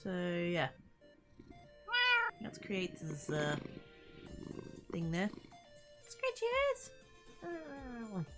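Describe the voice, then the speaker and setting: A woman's voice: fairly low pitch, steady tone, drawn-out words, pauses often, music in the background. A woman livestreamer chatting casually and playfully with her viewers, rambling and easily sidetracked. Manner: playful, informal greetings to chat.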